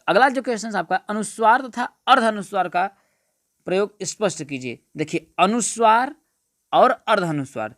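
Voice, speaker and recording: A man's voice: high-pitched, fairly bright tone, no room sound, studio quality. A male teacher giving an exam-prep grammar lesson, repeating points and asking his friends rhetorical questions. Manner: repetitive, keeps asking "what is it, friends?".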